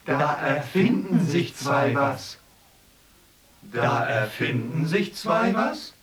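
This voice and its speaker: A male actor playing a man in a chorus who slowly echoes and repeats the main speaker's phrases. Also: high voice, very animated, a crowd in the background, heavily acted. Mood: musing. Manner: slow, repeating, sing-song echoes.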